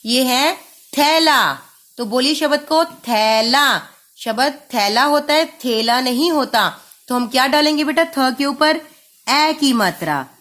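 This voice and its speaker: High-voiced patient Hindi teacher. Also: female voice, lively intonation, a bit bright. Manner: patient, sounds out syllables slowly, calls pupils "beta". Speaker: primary school Hindi teacher. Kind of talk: online class lesson for young children.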